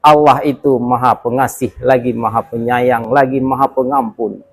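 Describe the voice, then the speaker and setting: A man voicing a solemn male prophet who sets out terms in a measured, admonishing way. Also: medium pitch, steady tone, breathy edge, pitched below the performer's own voice.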